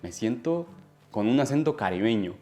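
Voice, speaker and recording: A man's voice: medium pitch, lively intonation, normal speed, dark tone. Male interviewer with attentive backchannels. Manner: attentive, frequent backchannel "ujú", "ajá". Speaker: interviewer, channel host. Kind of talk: casual conversational interview.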